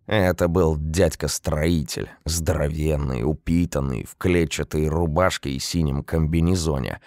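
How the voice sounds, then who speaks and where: A man narrating a story in an even, unhurried reading. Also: a bass voice, no room sound. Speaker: audiobook narrator. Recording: dry close recording.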